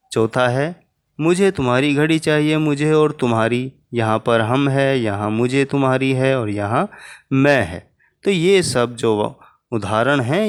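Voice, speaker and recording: A man teaching a Hindi grammar lesson to children, patiently spelling out each example. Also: mid-range voice.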